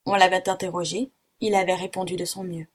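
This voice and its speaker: Woman audiobook narrator, husky, steady storybook reading. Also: on the low side, fairly quick. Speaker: audiobook reader.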